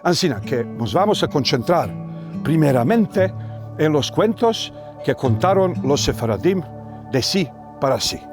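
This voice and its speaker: A man's voice: a little high, sing-song, music in the background. Storytelling man with a Bosnian accent. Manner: storytelling, unhurried with many restarts. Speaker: tour guide and folklorist. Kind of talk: guided walking tour talk.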